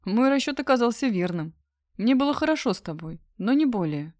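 A woman reading a husky, careless young man who mockingly dumps his girlfriend in an audiobook. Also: a little high, sing-song, a little fast, darkish tone, dry recording, clean studio sound, voice pushed up.

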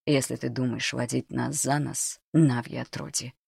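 A woman voicing a tough orphan boy in a storybook, barking threats in a menacing, low voice close to her own. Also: fairly even intonation, normal speed, creaky, a little mellow, husky, no room sound, full character voice.

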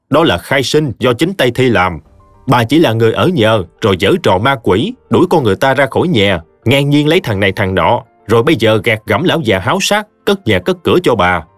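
A man's voice: medium pitch, dry recording, close to an everyday voice. A man doing a stern scornful village chief. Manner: commanding and contemptuous.

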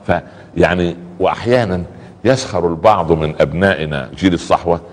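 Male preacher, Egyptian Arabic accent, rapid, chatty sermon delivery with pious interjections, long reverb around the voice. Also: deep voice. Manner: conversational, repeats pious exclamations, acts out little dialogues. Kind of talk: colloquial religious talk.

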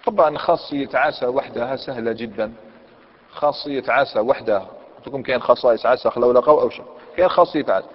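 Male Algerian grammar teacher in a classroom lesson, mid-pitched voice, lo-fi hall recording. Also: fast. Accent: Algerian Arabic. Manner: questions students and repeats key points; reads the commentary text aloud, then explains. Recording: echoey hall, dull lo-fi sound.

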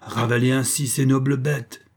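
A man playing a boastful, excitable lion hunter. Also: medium pitch, moderate pace, vocal fry, natural voice. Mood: indignant. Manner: exclamatory, indignant outbursts.

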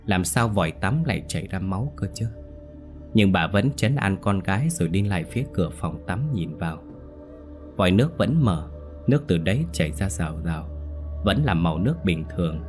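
A man telling a ghost story in a calm, measured narration. His voice sits low, and quiet music plays faintly underneath.

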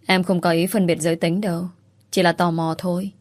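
A woman's voice: lowish voice, little pitch movement, a little fast, dry recording, lightly acted. A woman voicing a sly, smug young female teacher who pries breezily. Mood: prying.

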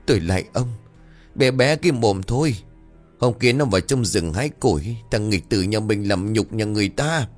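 A man's voice: on the low side, lively intonation, moderate pace, faint music behind. A man voicing a trembling anxious village mother. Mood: pleading. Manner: trembling, pleading.

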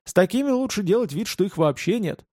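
Man voicing a cocky young bodyguard, cutting and mocking, raised pitch, dry close sound. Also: animated, fast talker, a little mellow, dry recording. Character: cocky young male bodyguard, sharp-tongued.

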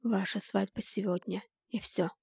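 Woman reading calm steady mother figure, soft and slow, gravelly, dry audiobook sound. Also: medium pitch, dry recording. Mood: pleading. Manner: calm, quiet, slow and measured.

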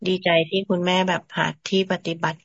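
A woman on a video call speaks to the monk in a polite, respectful way about transcribing his talks. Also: a little fast. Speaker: follower and transcriber. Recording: dull, muffled call audio.

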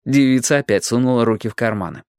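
A man narrating a novel in an expressive, dramatic reading style. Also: medium pitch, fast talker, smooth, no room sound, clean studio sound. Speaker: audiobook narrator. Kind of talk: scripted narration.

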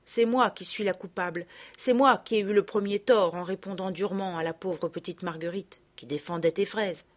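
A woman reading aloud voices Sophie, an impulsive, unhappy little girl who pleads in a high, childlike voice. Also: fairly even intonation, normal speed, lightly acted. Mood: remorseful.

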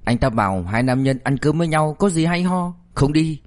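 A man's voice: fairly high pitch, lively intonation, moderate pace, pitched above the performer's own voice, close to an everyday voice. Man playing earnest young guy, complaining, slightly raised voice, storybook. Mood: aggrieved. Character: earnest young male junior colleague, easily annoyed.

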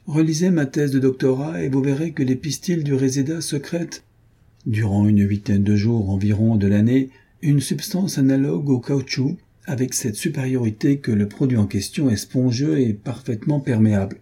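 A man's voice: mid-range voice, normal speed, mellow, husky, pitched above the performer's own voice. A man reading the part of a weary, sly male beetle-keeper who tells a tall tale in a languid, knowing way. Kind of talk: audiobook character voice.

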